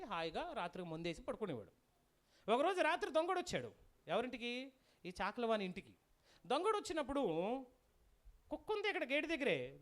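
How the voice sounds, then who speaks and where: A guest preacher with a mid-range voice delivers a sermon built around a folk tale. Lively throughout, he keeps asking the audience questions.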